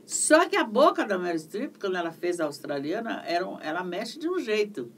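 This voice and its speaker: A middle-aged woman with a Brazilian accent, a voice actress chatting in an interview, telling stories in an animated way and repeating herself for emphasis. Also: mid-range voice, a little fast. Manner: animated, repetitive storytelling. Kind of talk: casual interview chat. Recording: distant mic, faint background noise.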